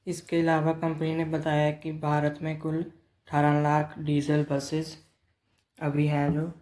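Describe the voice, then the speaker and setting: A man presents a company earnings update in a semi-scripted, plain explanatory style, mixing English business terms into his financial commentary. His voice is fairly high yet darkish in tone, delivered in a monotone at a measured pace.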